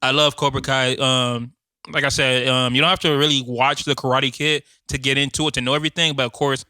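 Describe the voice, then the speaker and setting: A man hosting a casual podcast, joking around and giving quick opinions. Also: mid-range voice, flat delivery, sharp tone, smooth, dry recording. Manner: joking, fast, self-promoting. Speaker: podcast host.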